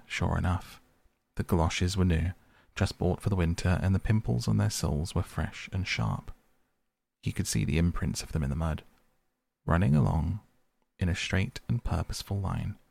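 Deep, gravelly male storyteller. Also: a little mellow, dry recording. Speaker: narrator. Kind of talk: storybook reading.

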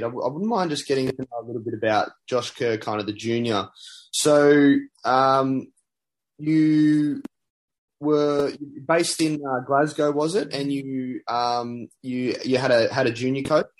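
Male interviewer, mid-pitched, casual, stumbling lead-ins. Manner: hesitant, stacks up fillers before questions. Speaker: interviewer, host.

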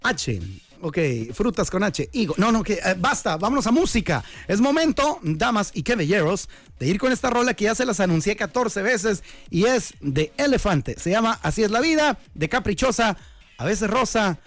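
A man's voice: sits high, big pitch swings, normal speed, faint music behind. A man with a Mexican accent hosting a radio show, telling a comic story in a joking, playful way. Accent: Mexican Spanish. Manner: playful, jokey storyteller, acts out voices. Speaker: radio host. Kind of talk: comedic radio monologue.

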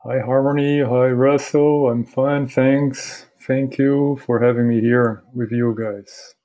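A man from Rio de Janeiro with a Carioca Brazilian Portuguese accent, talking casually as an interview guest in a halting, courteous way, often repeating words. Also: medium pitch, steady tone, warm tone, poor audio. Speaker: podcast guest, university academic.

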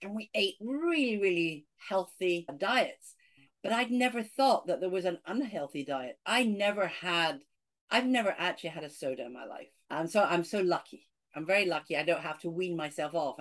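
A middle-aged woman from Scotland with a Scottish accent, a podcast guest talking in an animated way and saying "you know" a lot. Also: on the low side, moderate pace. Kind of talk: casual interview talk.

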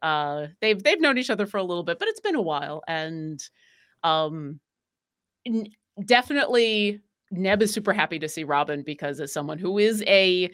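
A woman speaks in a relaxed, conversational way, stopping often to rephrase with ums and restarts. She sounds like a guest talking about her tabletop character. Her voice sits at an ordinary middle pitch for a woman. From New York State. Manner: hesitant, many fillers and restarts. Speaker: podcast guest, tabletop game player. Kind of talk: casual chat.

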